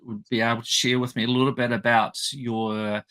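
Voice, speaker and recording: A man hosting an interview, gently encouraging his guest with brief acknowledgments and soft questions. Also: mid-range voice, little pitch movement, brisk. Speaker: interviewer, host.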